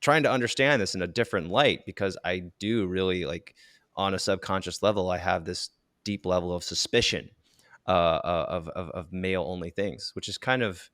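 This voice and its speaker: A man's voice: low voice, moderate pace, fairly bright tone, dry recording, studio quality. A man hosting a podcast, speaking in a reflective, hesitant way with many restarts. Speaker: podcast host. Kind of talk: casual interview chat.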